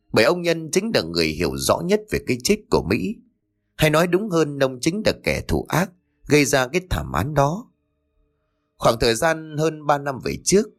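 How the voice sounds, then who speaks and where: A man narrating a scripted horror story in a dramatic, suspenseful way. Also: medium pitch.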